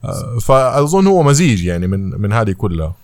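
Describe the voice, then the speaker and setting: A man, a novelist guest, talking in a casual discussion and telling anecdotes in a rapid flow. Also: lowish voice, no room sound. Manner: rapid, animated storytelling with quoted anecdotes.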